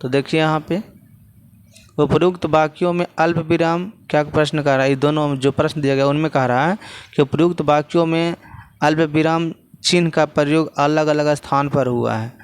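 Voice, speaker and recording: Male teacher with a Bihari Hindi accent, clear resonant voice, repeats lines while pointing at the text. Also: on the high side, fairly even intonation, moderate pace. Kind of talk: classroom lesson explaining textbook answers.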